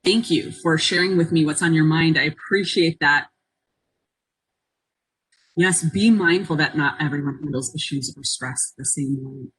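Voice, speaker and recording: A woman with a low, husky voice leads an interactive webinar. She speaks in an encouraging, reflective way and often invites her listeners to join in. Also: moderate pace, fairly bright tone, low-quality recording. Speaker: workshop presenter. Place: online conference call.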